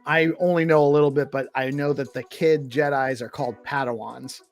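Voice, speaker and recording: A man's voice: medium pitch, fairly even intonation, brisk, muffled recording. A man hosting a casual crypto show, easygoing and agreeable. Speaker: host. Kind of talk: casual chat.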